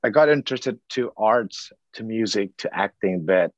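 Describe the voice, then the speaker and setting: A man from Indonesia, an actor in his forties, talking casually in an interview, halting often with restarts and "you know". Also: lowish voice, expressive, dry recording, dull audio.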